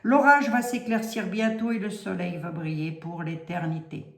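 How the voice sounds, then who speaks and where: A woman from Lorraine with a Lorraine accent voicing a gentle male archangel who speaks slowly and solemnly. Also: fairly low pitch, steady tone, vocal fry. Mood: soothing. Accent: Lorraine French. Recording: roomy echo.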